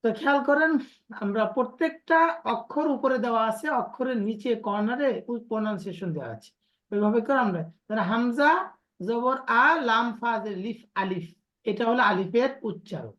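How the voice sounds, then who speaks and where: A woman's voice: a little high, lively intonation, normal speed, a bit bright. A woman teacher leading an online lesson on letters and pronunciation, explaining patiently and drilling her students by repetition. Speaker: Quran recitation teacher.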